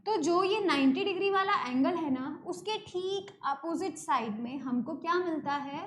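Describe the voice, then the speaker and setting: A woman's voice: extremely high pitch, animated, normal speed, slight background noise. An Indian woman teaching an online math lesson, explaining step by step and repeating key terms, mixing English words into her talk. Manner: mixes English terms into Hindi.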